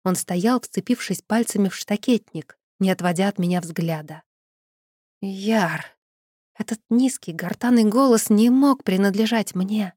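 A woman reading a first-person fantasy audiobook with dramatic, expressive storytelling. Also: mid-range voice, moderate pace, hardly any pauses, no echo, clean studio sound. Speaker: audiobook narrator.

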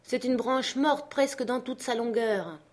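A woman's voice: a little high, unhurried, pitched above the performer's own voice. Woman voicing a jumpy old servant man. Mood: chatty. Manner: exclamatory, pleading. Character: excitable old male servant, fearful and chatty.

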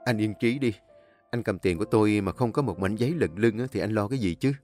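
Guy doing a gentle wealthy man, calm and reassuring, bit low. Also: quick pace, faint music behind, close to an everyday voice. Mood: kind. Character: wealthy kind middle-aged man, generous and gentle.

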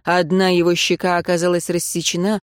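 A woman narrating a fantasy audiobook in a steady, even storytelling voice. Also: lowish voice, brisk, no echo, clean studio sound. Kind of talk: scripted narration.

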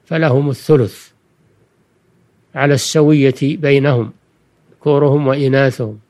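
An older man delivers a religious lesson in formal Standard Arabic. He explains in a deliberate, didactic way and repeats key phrases for his listeners, at an ordinary male pitch. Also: fairly even intonation, darkish tone. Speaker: religious scholar giving a recorded lesson. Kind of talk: Quranic exegesis lecture for listeners.

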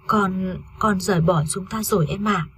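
A woman's voice: mid-range voice, moderate pace, a bit bright, a little hiss or hum, natural voice. A woman reading a story aloud, voicing an ashamed young husband who speaks in a subdued, apologetic way.

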